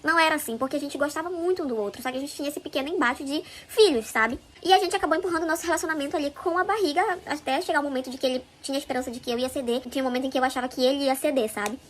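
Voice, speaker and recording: A woman's voice: high-pitched, rapid-fire, hardly any pauses. A woman telling a first-person story in a chatty, confiding way, talking straight to her viewers.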